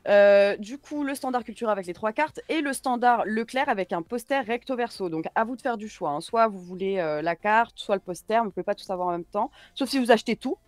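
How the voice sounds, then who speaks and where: A woman panelist at a middling pitch speaks from a dry, close recording. She talks quickly and hesitantly. She drops little laughing asides. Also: no echo. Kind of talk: casual online panel chat.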